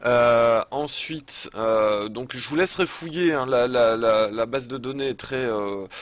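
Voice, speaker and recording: A man from France hosting a software tutorial voice-over, talking hesitantly with many filler pauses. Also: medium pitch, dry recording. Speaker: YouTube tutorial host. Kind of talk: screen-recorded software tutorial.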